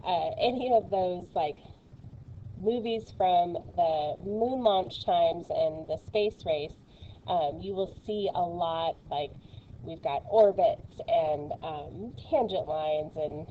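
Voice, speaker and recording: Playful woman math teacher, unhurried, recorded on a muffled home mic. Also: fairly low pitch, slight background noise. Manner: chatty and playful, with many fillers. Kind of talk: recorded video lesson.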